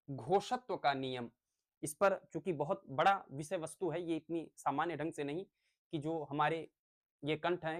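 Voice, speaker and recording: A male teacher giving a lecture on phonics, explaining step by step with everyday examples. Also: on the high side.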